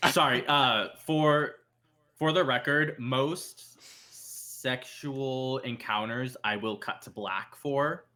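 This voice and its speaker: A man narrating as game master of a tabletop role-playing game, relaxed and hesitant, with many ums and restarts. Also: mid-range voice, slow pace.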